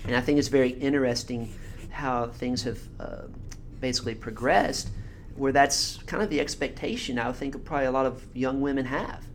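A man's voice: mid-range voice, fairly even intonation, moderate pace, slight background noise. Reflective man thinking aloud. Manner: reflective, thinks aloud, frequent "mm-hmm" backchannels. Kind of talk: casual podcast conversation.

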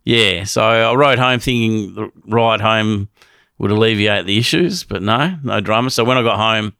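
Male guest, low gravelly voice, dry close sound, sheepish storyteller. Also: moderate pace, bright, forceful tone, no room sound. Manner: sheepish, laughs while telling it. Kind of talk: casual storytelling.

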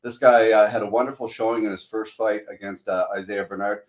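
A man's voice: lowish voice, fairly even intonation, brisk. A hungover man hosts a podcast in a casual, hesitant way full of uhs. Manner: informal, hesitant, frequent uhs. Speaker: podcast host. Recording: roomy, echoing sound.

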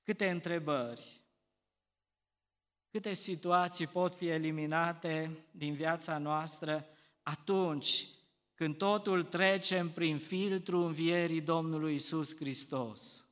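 A man preaching with fervour, his high, bright voice carrying through the long reverb of a church hall. He drops to hushed, slowed phrases and then rises to loud, emphatic declarations. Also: steady tone. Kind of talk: sermon.

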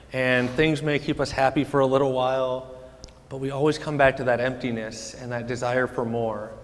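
A man co-leading a conversational homily, earnest and gently teasing as he asks questions. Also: mid-range voice. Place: large church. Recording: reverberant church hall.

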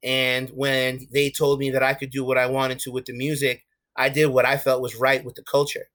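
A young man from the USA with a New York accent speaks in a monotone at medium pitch and moderate pace, his tone a bit bright. Candid and casual as an interview guest, he keeps restarting and using fillers.

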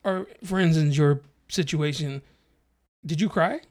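A man's voice: on the high side, slow pace, darkish tone. A man co-hosting a podcast, chatting casually and telling joking, profane stories with frequent laughter. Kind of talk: casual chat.

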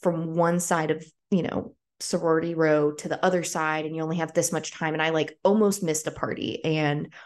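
A woman's voice: deep voice, steady tone, normal speed, hardly any pauses, a little mellow. A woman in her twenties hosting a podcast, telling a personal story in a casual, chatty way full of "like" fillers. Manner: chatty, frequent "like" fillers, acts out quoted voices. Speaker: podcast host.

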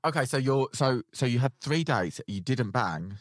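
A man's voice: mid-range voice, expressive, moderate pace, no echo, studio quality. A man hosting a casual podcast chat, candid and teasing in the way he talks. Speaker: podcast host.

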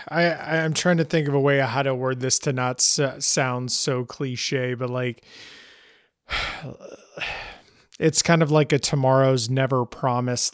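A man's voice: medium pitch, smooth, dry recording, studio quality. A man hosting an interview podcast, asking careful questions and hesitating as he searches for words. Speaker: podcast host.

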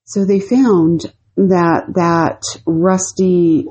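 Very slow and steady, this podcast co-host tells rambling stories full of fillers in a casual chat. Her voice is lowish, dark, and husky.

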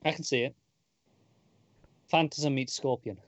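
A man's voice: mid-range voice, fairly even intonation, a little slow, dry recording. A man co-hosting a podcast in casual chat, hesitant and restarting his sentences. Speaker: podcast co-host.

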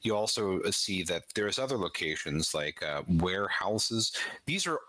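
Man, game master, deep voice, forceful tone, dry close sound, measured scene-setting. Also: sing-song, no echo, rough recording. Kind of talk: running a tabletop horror game.

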